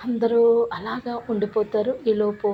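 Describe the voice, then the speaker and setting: A woman casually retelling the plot of a TV serial, chatty narration with quick quoted lines. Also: a little high, level tone. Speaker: serial recap host. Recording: dull lo-fi with faint noise.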